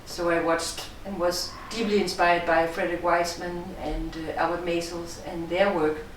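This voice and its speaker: Speaking with a Danish accent in a level tone, this middle-aged Danish woman, a film director, gives thoughtful, measured interview answers about her work. Her voice sits somewhat low and is picked up from afar in a very echoey room with a slight hiss.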